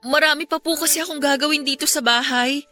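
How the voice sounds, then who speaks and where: Scared young housemaid in a radio drama, very high voice, meek and polite, keeps pleading. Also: female voice, steady tone, fast, sharp tone, faint music behind. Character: young timid pregnant housemaid.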